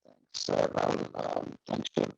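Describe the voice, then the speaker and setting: A man speaking as a venture investor partner over a video call, his audio crackling and distorted and breaking up while he starts to talk haltingly. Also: darkish tone, dry recording. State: cut up and breaking. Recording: dull crackly lo-fi call line.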